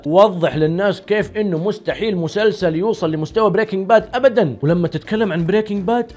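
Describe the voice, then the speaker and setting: A man's voice: fairly high pitch, darkish tone. A young man giving sarcastic mock advice in a teasing comedy monologue. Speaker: comedy YouTuber.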